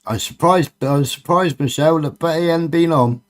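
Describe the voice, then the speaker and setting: A man's voice: a little high, moderate pace. A man with a Cornish accent chatting casually on a late-night livestream, bantering and swearing freely. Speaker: live stream host.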